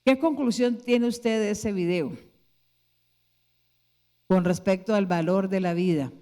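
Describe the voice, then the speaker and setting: A woman's voice: mid-range voice, slow, mellow. A woman pastor preaching a sermon, putting rhetorical question after question to her congregation. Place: church hall. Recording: long church hall reverb.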